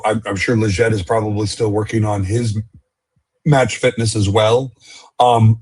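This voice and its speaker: A man's voice: fairly low pitch, a little mellow, breathy edge. A male podcast co-host in a casual sports chat, easygoing and given to joking asides.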